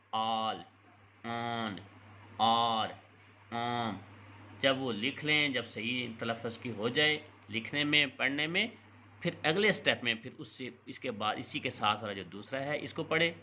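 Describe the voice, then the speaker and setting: Man slowly sounding out letters. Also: mid-range voice, bright, forceful tone, slight background noise. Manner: slow, spelled-out letter drills. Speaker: Urdu teacher. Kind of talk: instructional lesson.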